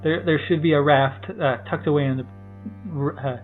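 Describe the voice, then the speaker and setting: A man's voice: fairly high pitch, measured pace, faint music behind. Man, game master, loose narration with fillers, tinny phone-like audio.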